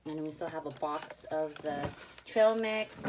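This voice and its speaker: A woman talks through her kitchen and garage freezer in a loose, chatty way, peppering her speech with "like" and "um." She is a little out of breath from a workout, and her voice sits on the lower side. Loud background noise runs under the recording. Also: a little slow. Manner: chatty, lots of fillers like "like" and "um". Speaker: family vlogger. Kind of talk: casual home tour narration. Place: home kitchen, pantry and garage.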